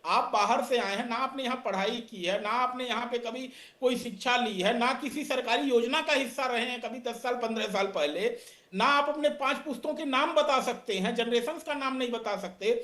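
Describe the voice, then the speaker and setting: Calm man journalist in an echoey room. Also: very high voice, moderate pace. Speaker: senior journalist on a panel. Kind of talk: TV news debate.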